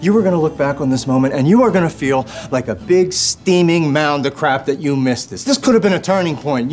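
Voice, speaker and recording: A man's voice: a little high, natural voice. A male actor playing a grumpy, sarcastic diner owner in a TV comedy-drama, building into an escalating, indignant comic rant. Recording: TV soundtrack with music behind. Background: music.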